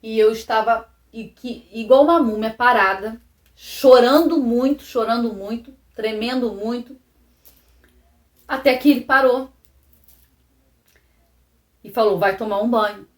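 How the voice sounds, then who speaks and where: A woman with a Brazilian Portuguese accent giving a personal testimony to camera, halting and repeating phrases, often dropping to a soft low voice. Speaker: vlogger. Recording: roomy echo.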